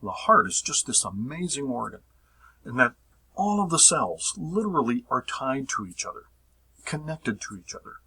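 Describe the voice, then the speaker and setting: A man teaching a recorded physiology lecture, repeating phrases, checking that his listeners follow, and drawing out key terms slowly. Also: medium pitch, very animated, sharp tone, breathy edge, rough recording. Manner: repetitive, checks understanding with the audience.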